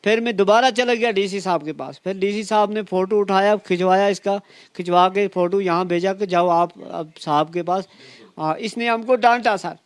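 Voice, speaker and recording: A man's voice: sits high, moderate pace, clean tone, no room sound. A distressed man, near tears, pleading as he tells a reporter his complaint over and over. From Kashmir. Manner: pleading, repetitive, acts out officials' words.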